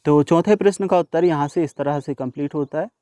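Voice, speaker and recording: This is a young man with a slightly high voice, teaching a workbook lesson and walking through each answer one at a time. He talks straight to his students, and the recording is dry and close, with no room sound around him. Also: brisk, warm tone, no echo. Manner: patient, explains each answer in turn, addresses students directly.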